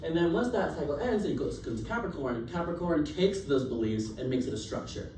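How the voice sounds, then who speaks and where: A young male student gives an informal class presentation in a slightly high, slightly mellow voice that is brisk and expressive. Lots of fillers and easy laughs keep it chatty. A distant recording device captures him in a roomy, noisy classroom.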